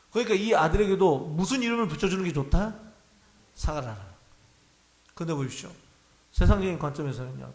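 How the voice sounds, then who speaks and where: Male pastor with a high voice, conversational sermon delivery, recorded in a reverberant church. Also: a bit bright. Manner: conversational preaching, asks the congregation questions. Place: church sanctuary. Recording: echoey church hall.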